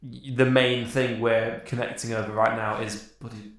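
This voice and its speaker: A man's voice: medium pitch, level tone, normal speed. A young man co-hosting a podcast. He rambles through a story, swears casually and laughs often. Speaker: podcast co-host. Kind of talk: casual chat. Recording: very echoey room.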